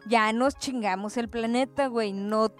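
A woman's voice: a little high, measured pace, soft background music. A young woman with a Mexican accent in casual, slangy conversation, swearing freely. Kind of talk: casual chat.

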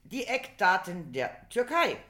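A woman's voice: medium pitch, big pitch swings, measured pace, pushed and bright. A woman chatting casually, reading out facts and laughing often. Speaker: co-host. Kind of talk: casual chat. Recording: roomy echo.

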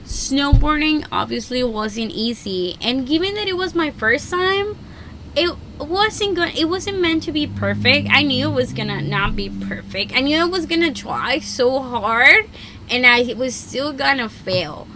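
Chatty young woman podcaster, higher voice. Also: a little slow, slight background noise, poor audio. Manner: chatty, many "like" fillers, excitable. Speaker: podcast host. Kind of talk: casual solo podcast monologue.

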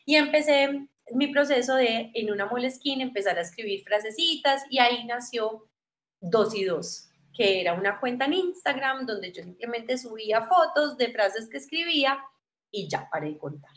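A woman in her thirties with a Medellín Colombian accent, telling her story in a lively, casual interview. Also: fairly high pitch, normal speed. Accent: Medellín Colombian Spanish. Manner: animated, acts out quoted voices. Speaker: guest.

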